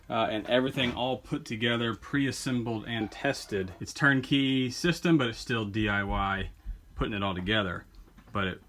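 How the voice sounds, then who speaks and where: A man's voice: on the low side, fairly bright tone. Male homesteading vlogger, casual talk to camera, outdoors, chatty and hesitant, faint noise behind. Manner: explains step by step with fillers and restarts. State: out of breath from lifting.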